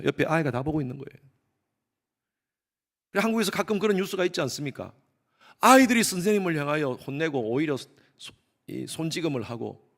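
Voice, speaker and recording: A middle-aged man preaching a Sunday sermon as pastor, emphatic, swinging between loud stresses and hushed asides, acting out quoted speech. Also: fairly high pitch, gravelly. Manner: acts out quoted speech in voices. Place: church sanctuary.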